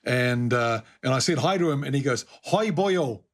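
A man's voice: mid-range voice, a little fast, fairly bright tone. A man in casual conversation about faith, chatting easily and telling a personal anecdote.

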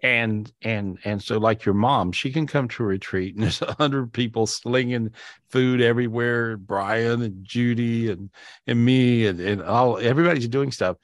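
This spiritual teacher and podcast host has a mid-range voice, recorded dry with clean studio sound, as he leads a live spiritual talk on a video call. His delivery is relaxed and eager; he repeats himself, keeps restarting with "and so," and stretches out the words he stresses.

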